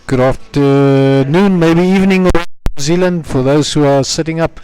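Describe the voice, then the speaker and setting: A man's voice: on the high side, normal speed, mellow, clean tone. A man with a South African accent giving live commentary on a youth match, reading out team lists and sponsors. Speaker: sports commentator.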